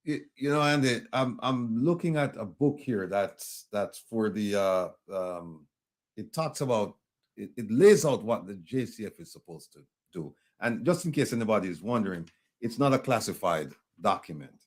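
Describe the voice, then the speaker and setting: A man's voice: lowish voice, animated, normal speed. A Jamaican man hosting an interview, asking earnest questions and leaning on "you know" and restarts. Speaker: talk show host.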